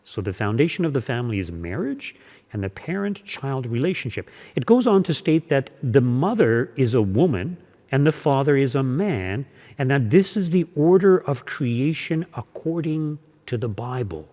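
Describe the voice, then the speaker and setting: A man, a parish priest raised in Canada after being born in Hungary, giving a Sunday homily in measured preaching style that slows down on key words. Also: mid-range voice, sing-song, mellow. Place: church. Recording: long church reverb.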